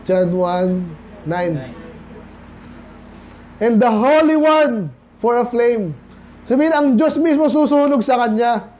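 High-voiced Filipino preacher, lo-fi sound. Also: male voice, mellow. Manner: conversational, mixes English into Tagalog, asks the congregation questions. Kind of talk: midweek Bible study sermon. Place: church hall. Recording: dull lo-fi church recording with faint noise.

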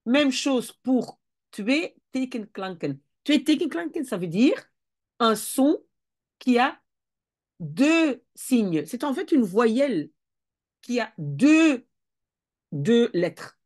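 A woman's voice: on the high side, big pitch swings, extremely slow, pauses often, a little mellow. A woman teaching Dutch spelling rules, explaining step by step and often correcting herself as she thinks aloud. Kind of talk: casual explanatory lesson.

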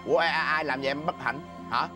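Comedy sketch: a Southern Vietnamese man as a fast-talking, flustered husband, music bed. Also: a little high. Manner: excitable, stammering, quick to protest. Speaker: comic actor playing a drinking husband.

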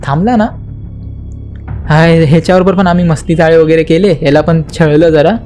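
A man's voice: a little high, steady tone, moderate pace, dark tone, soft background music. Young man telling a spooky story dramatically. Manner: dramatic retelling, acting out quotes and knocking sounds; mixes English words into his speech. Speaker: podcast guest.

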